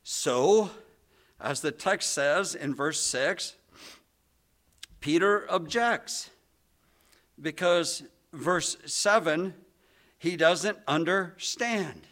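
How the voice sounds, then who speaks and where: A man preaching a sermon, animated and acting out the voices of biblical figures as he talks. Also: fairly high pitch, very slow, pauses often. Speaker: pastor.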